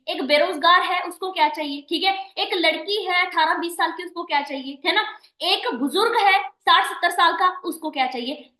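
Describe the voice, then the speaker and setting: Brief: female team manager leading a training call; bright, forceful delivery, roomy sound. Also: very high-pitched. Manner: coaching, repeats "ठीक है" and "है ना" often; addresses listeners as dear and guys. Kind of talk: recorded training meeting. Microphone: online meeting recording.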